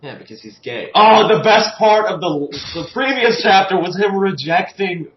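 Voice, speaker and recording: A man's voice: high voice, lively intonation, normal speed. A man hosting a casual fan podcast, talking in a crude, sarcastic way and swearing freely. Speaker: podcast host. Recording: muffled lo-fi audio in an echoey room.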